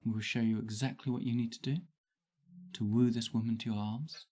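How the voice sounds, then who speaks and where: A woman's voice: a bass voice, steady tone, a little fast, warm tone, husky, voice pushed down. A woman voicing a bold, flirtatious madame with a put-on French accent, coaxing and teasing. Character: flirtatious worldly female brothel madame.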